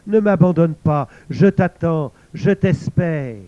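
A man's voice: a little high, expressive, slow, mellow, highs cut off, pitched above the performer's own voice. A man voicing the enchanted voice of a beheaded young lover, pleading and drawn out. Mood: yearning plea.

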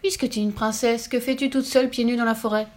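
A woman voicing a hungry, clumsy, polite little male ogre-cricket in a storybook reading, with a raised, whiny, excitable voice. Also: on the high side, fast talker, pitched above the performer's own voice, natural voice.

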